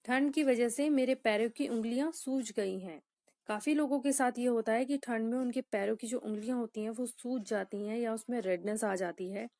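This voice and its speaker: A woman English teacher with a fairly high, mellow voice, delivering a lesson in a dry, close sound. She explains patiently and speaks each example sentence very slowly, then repeats it. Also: no room sound.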